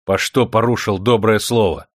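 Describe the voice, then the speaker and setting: A man's voice: medium pitch, expressive, moderate pace, dry recording, voice pushed up, lightly acted. A young serf stable hand in an audiobook, as a male narrator puts him on, pleading with his master in a raised, earnest voice. His reproach sounds stern but humble, and the recording is dry and close. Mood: reproachful.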